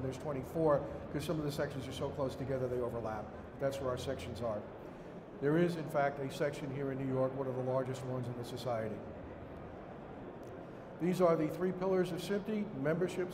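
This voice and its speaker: A middle-aged man with a Brooklyn accent giving a formal slide presentation to a conference room, in a halting way. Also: medium pitch. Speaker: conference speaker standing in for a director. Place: indoor conference room with seated audience. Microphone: podium microphone, later picked up by hand. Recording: echoey hall, noisy room ambience.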